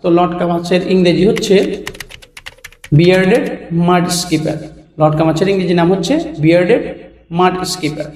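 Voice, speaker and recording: A man teaching English vocabulary in a casual way, repeating each term slowly word by word and sometimes laughing softly. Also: high-pitched, steady tone. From Bangladesh. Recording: roomy echo, voice heard from a distance, faint noise.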